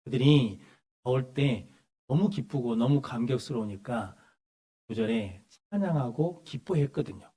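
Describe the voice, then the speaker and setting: A male pastor preaching a sermon in a church, asking the congregation rhetorical questions and reading scripture slowly with emphasis. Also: medium pitch, mellow. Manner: asks the congregation rhetorical questions and answers them. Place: church sanctuary.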